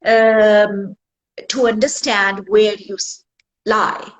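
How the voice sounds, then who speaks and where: A woman doctor answering in a live online interview, her call audio choppy and breaking up, speaking in halting phrases. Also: mid-range voice, little pitch movement. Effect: choppy, glitching call audio breaking up. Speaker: doctor, guest.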